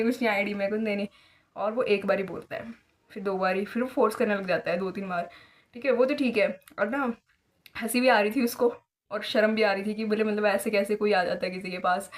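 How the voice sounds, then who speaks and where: Young woman vlogger from India, chatty and casual, tells stories with lots of fillers and mixes in English. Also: medium pitch. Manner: chatty storytelling with many fillers; mixes English phrases into her talk. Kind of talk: casual vlog chat.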